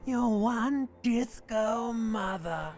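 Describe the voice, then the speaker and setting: A creeping inner voice of self-disgust for a video game. It is breathy and full of fry, slow and sardonic, taunting from inside the head. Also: female voice, a little high, darkish tone, faint music behind. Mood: eerie, sardonic.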